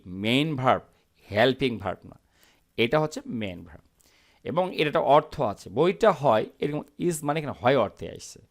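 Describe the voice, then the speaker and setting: A man teaching English to beginners, explaining in Bengali with a lively pitch that swings up on his questions and down on his answers. He reads each English sentence slowly and carefully, then asks and answers his own questions. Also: vocal fry.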